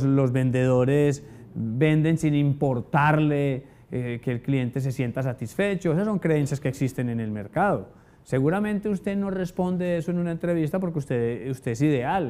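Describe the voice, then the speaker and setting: A man teaching a motivational sales lesson to an audience, telling stories and asking rhetorical questions. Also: mid-range voice. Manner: animated storyteller, asks rhetorical questions. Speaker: sales trainer.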